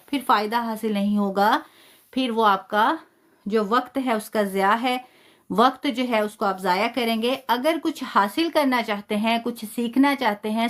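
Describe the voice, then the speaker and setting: A woman with a slightly high voice gives a live online Quran recitation lesson, spelling out the sounds slowly and patiently and complimenting her students.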